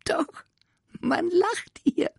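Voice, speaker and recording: A reader voicing a cheeky, innocent childlike creature from a children's book in a very high, questioning voice. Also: lively intonation, extremely slow, creaky, a little mellow, no echo, clean studio sound, heavily acted. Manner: high squeaky questioning voice, sometimes whispered. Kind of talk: reading a children's book aloud.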